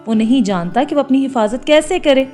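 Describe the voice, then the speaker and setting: A woman's voice: high-pitched, lively intonation, warm tone, soft background music, pitched above the performer's own voice. A woman voicing a tearful mother dove. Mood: distressed. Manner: tearful, pleading. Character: grieving mother dove searching for her chick.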